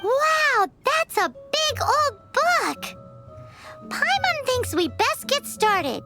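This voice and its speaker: A woman's voice: very animated, drawn-out words, exaggerated voice. A woman voicing a tiny, chatty, cheeky floating fairy companion who talks about herself by name, over game music. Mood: grumbling. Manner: squeaky, exclaiming, speaks of herself by name. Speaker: companion character.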